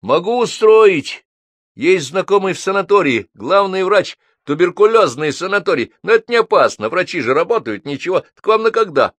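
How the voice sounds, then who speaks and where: A man's voice: high voice, big pitch swings, normal speed, a bit bright, no echo, pitched above the performer's own voice, heavily acted. A male reader voicing a bossy, insistent neighbor in a raised, folksy voice for an audiobook. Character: pushy loud middle-aged male neighbor.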